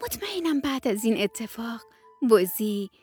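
High-voiced woman telling a bedtime story. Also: faint music behind. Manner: gentle, expressive, sing-song storytelling. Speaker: children's radio storyteller. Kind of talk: bedtime story narration for children.

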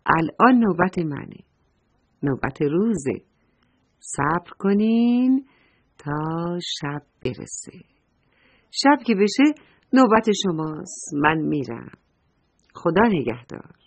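A woman voicing a kind, motherly sun who speaks slowly and calmly. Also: lowish voice, husky, exaggerated voice. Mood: gentle, patient. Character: kind gentle female sun, patient and motherly.

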